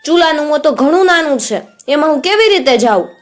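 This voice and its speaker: A frightened little girl in a storybook, clever but anxious, pleading in a raised, high voice, as a woman narrator puts her on. Faint music sits underneath. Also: expressive, fast talker.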